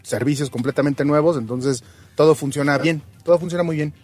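A man chats casually on the radio and explains things at length. His voice is a touch high. Faint music plays behind him. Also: a little fast, a little mellow, no echo. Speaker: sports segment guest. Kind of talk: casual chat.

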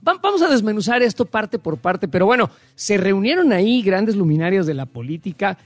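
A man's voice: sits high, sing-song, a little fast, no echo. A man with a Mexican accent hosting a show, talking casually with sarcastic, joking asides. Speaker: show host. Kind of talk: casual chat.

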